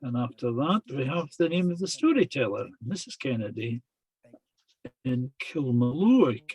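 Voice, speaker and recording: A man giving a lecture that retells traditional tales, speaking in a halting, deliberate way. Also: mid-range voice, sing-song, a little mellow, slightly rough, poor audio.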